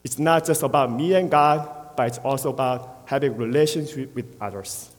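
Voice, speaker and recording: A man in his thirties with a Korean accent shares a prepared testimony in a church sanctuary. He speaks earnestly and haltingly, with brief pauses and a medium-pitched voice. The sound carries a long reverb from the hall. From South Korea. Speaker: church member giving testimony.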